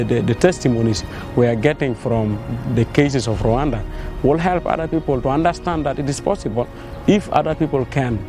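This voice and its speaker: A man from South Sudan, a youth delegate, speaking in a measured, hesitant way in an interview. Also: mid-range voice. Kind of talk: interview testimony. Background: music.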